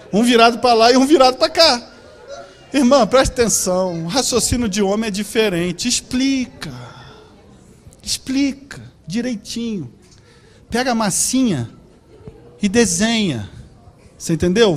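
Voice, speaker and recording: A man preaching a sermon as a pastor, telling jokes and stories and shouting asides. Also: very high-pitched. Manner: animated, joking storytelling with shouted asides. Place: church.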